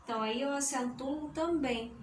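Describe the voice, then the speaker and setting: A woman teacher explains a grammar lesson, speaking deliberately and splitting words into syllables. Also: sits high, recorded from a distance. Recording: roomy echo, voice from the mic, faint noise.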